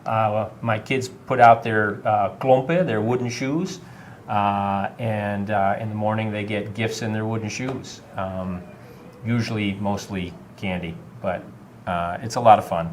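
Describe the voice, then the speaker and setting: Middle-aged male shop teacher, relaxed and friendly, talks with frequent filler sounds. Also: on the low side, a little slow, a little hiss or hum. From Vermont. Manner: friendly, many filler uhs. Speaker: high school technology teacher. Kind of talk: casual interview answers.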